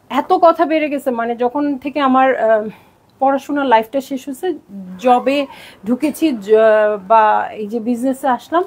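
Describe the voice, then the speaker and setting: Chatty high-voiced Bangladeshi woman seller. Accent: Bangladeshi Bengali. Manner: chatty, bubbly, code-switching to English. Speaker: online clothing seller. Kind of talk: live sales stream.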